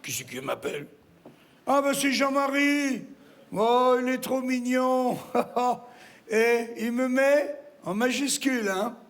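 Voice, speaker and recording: A man's voice: very high voice, animated, slow, a bit bright, full character voice. A man playing a brash, vulgar woman in her sixties who opens the show, swearing and teasing the audience from a theatre stage. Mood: crude teasing. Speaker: stand-up comedian. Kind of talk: live stand-up character act.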